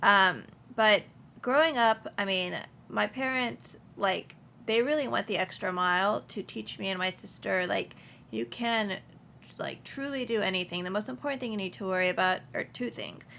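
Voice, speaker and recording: A young woman from Houston, an insurance agency principal, speaks casually as an interview guest with lots of ums and restarts. Her mid-range voice has vocal fry and a sharp tone at a moderate pace, with a little hiss or hum in the recording.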